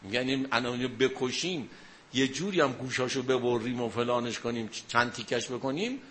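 A man's voice: mid-range voice, a bit bright. A man giving a religious talk to an audience, telling a story and asking questions as he explains. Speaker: religious speaker.

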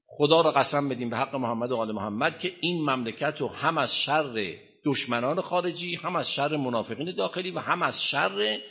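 A male religious teacher lecturing a class with emphasis, pausing to quiz listeners and tell them what to write down. His voice is bright and forceful, and he breaks into chanted scripture in Arabic. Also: mid-range voice, gravelly. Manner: emphatic, quizzes listeners and dictates notes.

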